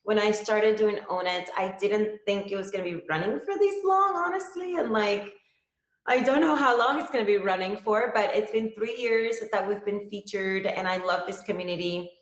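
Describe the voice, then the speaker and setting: A woman's voice: medium pitch, expressive, normal speed, echoey room, lo-fi sound. A woman from Cuba hosting a live-stream talk show, chatty and upbeat, often checking in with viewers. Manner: chatty, upbeat, keeps saying okay to viewers. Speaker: livestream show host.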